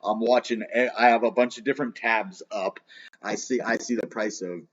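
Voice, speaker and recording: A man's voice: lowish voice, fairly even intonation, normal speed, breathy edge. A man with missing front teeth hosting a casual, rambling crypto vlog, talking informally with lots of filler words. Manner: informal, rambling, filler-heavy, frequent "you know" and "like". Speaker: host of a crypto channel. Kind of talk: casual rambling vlog, live market commentary. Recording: slightly dull, lo-fi sound.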